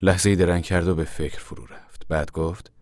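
A man narrating an audiobook in a measured, literary storytelling delivery. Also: low voice, fairly even intonation, darkish tone, no room sound, studio quality. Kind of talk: scripted narration.

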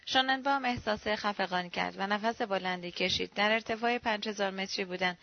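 A woman narrating a novel as an audiobook in a steady, measured reading. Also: medium pitch. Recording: dull, dry lo-fi recording.

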